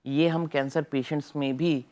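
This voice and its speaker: A man with a Pakistani accent, a doctor guest on a TV studio interview, explaining treatments at length in a measured way, with English phrases mixed in. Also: on the high side, steady tone, a little mellow.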